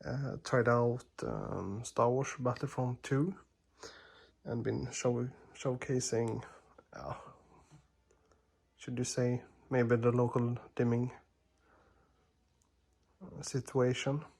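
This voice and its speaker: A Swedish man, whose first language is Swedish, narrates a casual product demo in English as a TV reviewer, speaking slowly and carefully with a gravelly, creaky voice. His pitch stays flat while he hesitates, restarts sentences, fills pauses and apologizes. A camera mic records him in a dark living room at home.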